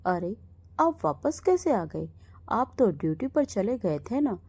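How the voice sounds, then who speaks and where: A woman's voice: mid-range voice, big pitch swings, slow, mellow, breathy edge, full character voice. A woman voicing a frightened young wife who pleads through tears in a storybook tale. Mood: alarmed. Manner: fearful, pleading.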